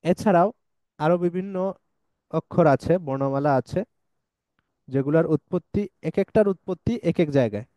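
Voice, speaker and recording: A man teaching Quranic letter pronunciation in a patient, explanatory way, modelling each sound slowly. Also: on the high side, dark tone, no room sound. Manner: patient, models sounds slowly and recites verses in drawn-out chant. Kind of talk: explanatory lesson.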